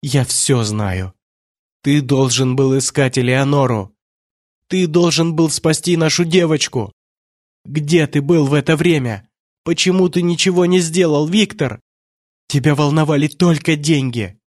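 A man's voice: on the low side, extremely slow, few pauses, no room sound, clean studio sound. A man voicing a grieving young noblewoman who screams accusations through sobs. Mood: furious grief.

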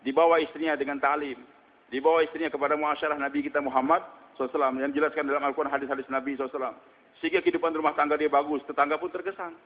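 A man delivers a sermon in a high voice, questioning his listeners and answering himself as he tells stories. His voice rings with long reverb through a large hall. The recording is dull and lo-fi. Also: level tone, very fast. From Indonesia. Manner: storytelling, asks questions and answers them, frequent hums. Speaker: preacher.

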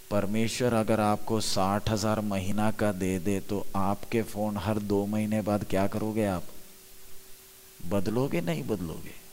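A male preacher addresses a youth conference in an unhurried, measured way. He keeps throwing questions at the crowd and then answering them. His voice sits fairly low and rings out with the long reverb of a large hall. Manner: asks the audience questions and answers them himself. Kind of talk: sermon.

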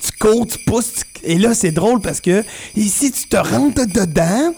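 A man's voice: high-pitched, animated, measured pace, creaky, darkish tone, a little hiss or hum. A man with a Québécois accent chatting on the radio about video games, explaining eagerly with frequent hesitations. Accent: Québécois French. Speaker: video game columnist. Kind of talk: casual radio chat.

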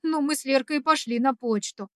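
A woman voicing a flustered elderly female nanny in an audiobook, talking fast and pleading. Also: high-pitched, a bit bright, dry recording, studio quality. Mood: frightened.

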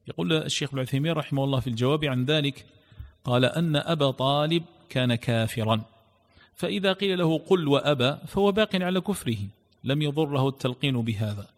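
A man teaching religion, who reads passages from a text aloud and then explains them in a measured way, repeating the key phrases. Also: medium pitch, vocal fry, long reverb tail.

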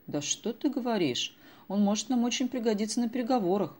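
A woman reading the lines of a brisk, demanding middle-aged mother in an audiobook. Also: fairly high pitch, animated, darkish tone, pitched above the performer's own voice. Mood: wry.

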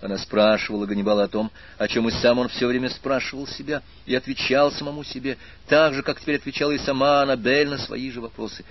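A man narrating an audiobook in a measured, expressive reading with a husky voice. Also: medium pitch, muffled recording, a little hiss or hum. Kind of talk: scripted narration.

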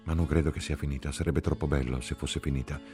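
A man's voice: very deep voice, steady tone, fast, darkish tone, soft background music. A man voicing a weary, pessimistic soldier driver who speaks plainly and worriedly. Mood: wary.

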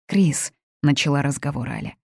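A woman reads a story aloud in a measured, even voice. Her tone is low, dark and gravelly. The recording is dry and close, with no room sound. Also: dry recording. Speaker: narrator. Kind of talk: audiobook reading.

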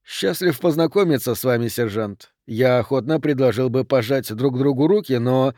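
A calm, refined male agent with a melodious Southern American accent, as a man reads him. He speaks in a polished, courteous, unhurried way. The audiobook voice sounds close and dry. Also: medium pitch, no room sound, lightly acted. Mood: suave.

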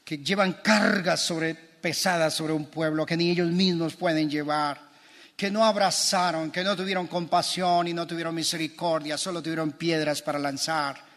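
Impassioned pastor in echoing church. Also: male voice, a little high, steady tone, normal speed, a bit bright. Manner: impassioned preaching with repeated phrases. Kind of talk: sermon. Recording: long church reverb.

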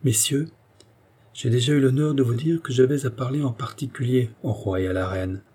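A man voicing a grave, brooding male nobleman who speaks calmly, firmly and with melancholy. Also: medium pitch, normal speed, slightly rough, lightly acted. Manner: calm, firm and melancholy.

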